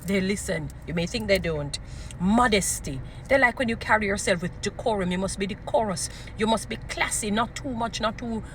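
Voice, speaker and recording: With slight background noise behind her, a woman with a mid-range voice and a Jamaican accent delivers an informal motivational talk on relationships. She sounds strong and preachy, hammering points home by repeating short phrases.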